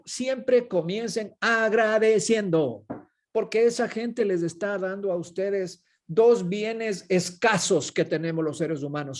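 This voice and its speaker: A man with a Mexican accent giving an energetic, emphatic webinar lesson as a public speaking coach over a video call. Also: sits high. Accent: Mexican Spanish.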